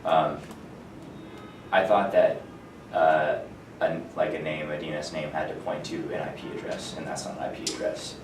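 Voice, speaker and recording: A man casually and haltingly asking a basic technical question, sounding tentative. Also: extremely low pitch, level tone, background noise. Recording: echoey room, far from microphone.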